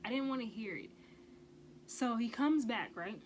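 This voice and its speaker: A woman's voice: on the high side, expressive, normal speed, slight background noise, poor audio. Emphatic woman telling a storytime. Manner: emphatic, repeats "okay?" for stress; blunt, swears freely. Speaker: vlogger. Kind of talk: casual storytime vlog.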